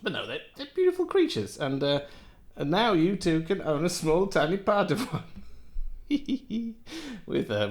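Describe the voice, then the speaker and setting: A man's voice: on the high side, darkish tone. Chatty man from Wales reviewing earphones. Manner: rambling, chatty, self-interrupting with laughs. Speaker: headphone reviewer. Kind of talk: casual product review. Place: home office with window and plants.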